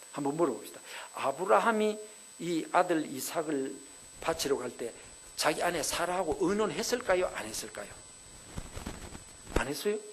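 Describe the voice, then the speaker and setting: A man's voice: a little high, a little hiss or hum, low-quality recording. A male pastor delivering a revival sermon, telling stories and asking the congregation rhetorical questions. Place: church sanctuary.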